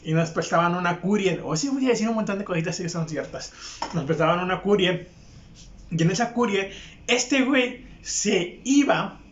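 Young Mexican man, profane and mocking storyteller, fairly high voice; echoey, dull lo-fi recording. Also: lively intonation, normal speed. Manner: crude, profane and mocking, with frequent laughs. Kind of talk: casual anecdote monologue. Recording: echoey room, dull lo-fi sound.

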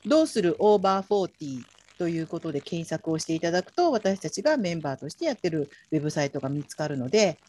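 A woman in her forties co-hosts a relaxed chat podcast. Her voice is slightly husky and her pitch moves up and down a lot. She is playful and laughs easily. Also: quick pace, few pauses. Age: 40s. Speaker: podcast co-host. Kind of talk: casual chat.

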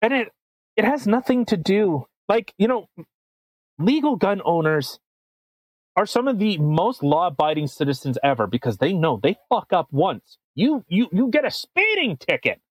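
A man's voice: high voice, very animated, normal speed, no room sound. A man co-hosting a podcast, talking in a casual, sarcastic, profane way with frequent restarts. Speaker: podcast co-host. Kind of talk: casual comedic chat.

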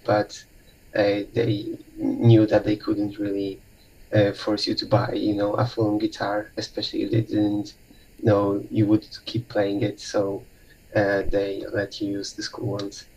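A man from Poland, chatting casually on a podcast, pausing often with fillers. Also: lowish voice, darkish tone, slightly rough, poor audio. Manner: hesitant, many fillers. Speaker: podcast participant. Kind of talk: casual chat.

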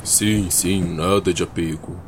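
A man's voice: low-pitched, fairly even intonation, unhurried. A man playing a sly, teasing, flippant vampire in a radio soap opera. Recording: noisy recording.

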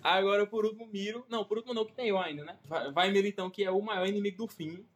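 A man hosting a casual friends' podcast and introducing the crew, energetic and slangy. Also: high-pitched, racing, a little hiss or hum.

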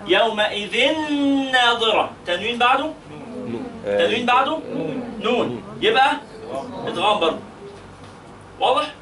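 A man's voice: very high voice, sing-song, moderate pace, pauses often, distant mic, a crowd in the background. A man with an Egyptian accent teaching a tajweed lesson, questioning his students patiently and stretching out recited words to show the rules. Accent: Egyptian Arabic.

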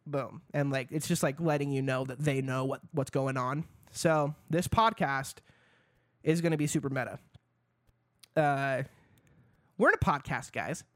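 A man's voice: medium pitch, measured pace, long pauses, no room sound, clean studio sound. A man hosting a casual solo podcast, rambling loosely, swearing freely and breaking into hyped-up bursts. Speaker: podcast host.

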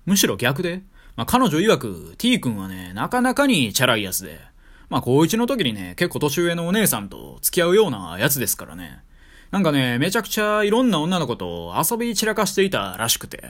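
A young man in his twenties with a Kansai accent, telling a story in a wry, joking way on his stream. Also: fairly quick. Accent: Kansai Japanese. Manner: wry, joking, animated delivery with big pitch swings. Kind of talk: casual storytelling monologue.

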